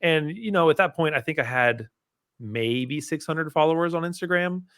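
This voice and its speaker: A man, a podcast guest who details cars part time, talking in a relaxed, rambling way with lots of "you know" and "um". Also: fairly high pitch, normal speed, clear, resonant tone, no echo, studio quality. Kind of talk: casual conversation.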